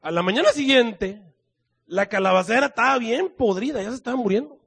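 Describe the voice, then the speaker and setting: Husky high-voiced Mexican preacher. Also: male voice, fairly quick. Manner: colloquial, animated storytelling with many slangy asides. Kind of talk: sermon.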